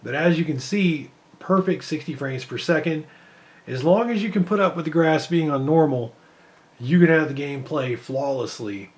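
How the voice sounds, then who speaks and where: A man losing his voice, giving casual rambling commentary while he benchmarks PC games. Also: medium pitch. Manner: rambling, thinking aloud with fillers. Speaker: PC gaming benchmark creator.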